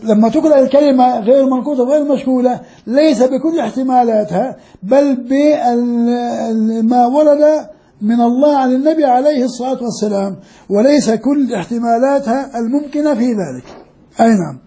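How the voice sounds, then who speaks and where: A man's voice: very high voice, a little fast, warm tone. An older man, a sheikh and professor, lecturing students and repeating key phrases as he explains. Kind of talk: classroom lecture.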